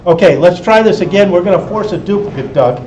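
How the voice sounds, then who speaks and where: Quick-paced and lively in intonation, this man's high-sitting, slightly mellow voice guides a group through hands-on lessons at an amateur radio club. He explains practically and often confirms they're with him, captured on a distant dull mic in an echoey indoor room with faint noise.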